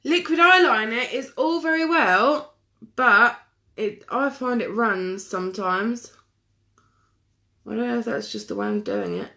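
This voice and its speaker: A woman chatting casually through a live makeup tutorial, self-deprecating and quick to laugh. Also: a little high, big pitch swings, bright, forceful tone. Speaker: makeup vlogger.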